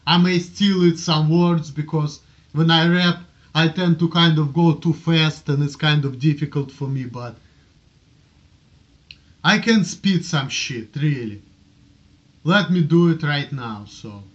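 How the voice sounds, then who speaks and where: In a muffled homemade video blog, a Russian man with a heavy accent addresses the camera in an unhurried, fairly high voice. He's an amateur blogger who wanders through his points, saying things more than once as he justifies himself.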